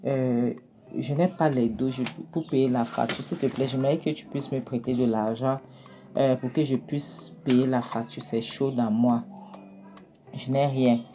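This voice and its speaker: A woman's voice: extremely low pitch, steady tone, measured pace, mellow, a little hiss or hum. A woman voicing a broke husband asking a friend for money, hesitant and defensive. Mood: pleading. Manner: pleading then indignant, hesitant with fillers.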